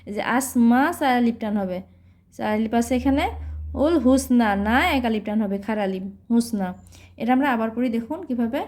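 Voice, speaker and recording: A woman teaching Quran recitation, patiently explaining pronunciation step by step and chanting each verse slowly. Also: on the high side, darkish tone. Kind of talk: slow recitation lesson with drawn-out chanting.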